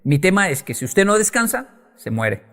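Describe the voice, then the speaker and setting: A man speaks on stage to an audience in a fairly high voice, emphatic and lively. He gives a motivational talk and now and then acts out the voices of the people he quotes. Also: moderate pace, soft background music.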